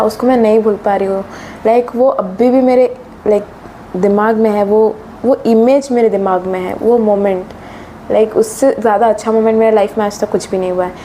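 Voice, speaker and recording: A teenage girl from Odisha chatting casually in a vlog, slipping English phrases into her talk and getting excited as she tells stories. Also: mid-range voice, slight background noise. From Odisha, India. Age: teens. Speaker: student vlogger.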